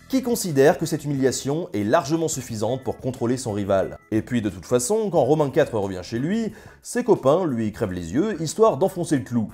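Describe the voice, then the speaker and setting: Lively, husky-voiced man telling history. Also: mid-range voice. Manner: ironic, jokey, colloquial storytelling. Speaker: history video presenter. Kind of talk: scripted casual narration.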